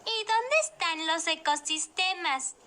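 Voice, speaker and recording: A woman's voice: very high-pitched, takes it slowly, sharp tone, heavily acted. A woman voicing a curious, inquisitive young child in a scripted educational video.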